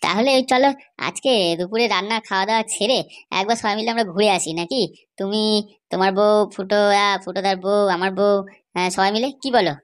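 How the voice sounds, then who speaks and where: A woman's voice: medium pitch, brisk. A woman voicing characters in a comedy cartoon, with a chatty, persuasive way of talking. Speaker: cartoon voice actor.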